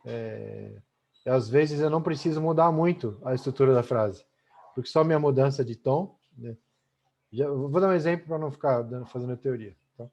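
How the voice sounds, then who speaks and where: A middle-aged man with a Brazilian Portuguese accent gives a chatty online language lesson, ending almost every sentence with "né?". His mid-range voice is creaky and somewhat dark, at a moderate pace, and the video call audio sounds muffled.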